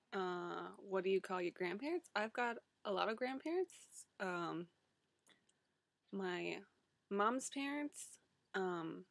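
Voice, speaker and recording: Creaky-voiced young Canadian woman, chatting casually. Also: mid-range voice, no room sound. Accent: Canadian, Ontario. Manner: hesitant, rambling with asides. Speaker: vlogger, website story editor. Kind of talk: casual chat to camera.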